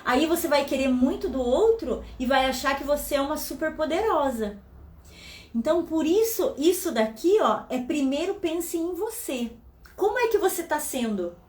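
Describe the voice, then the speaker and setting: Animated woman in an echoey room. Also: high-pitched. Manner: talks fast and loud, very animated. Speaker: host. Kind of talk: motivational talk to women.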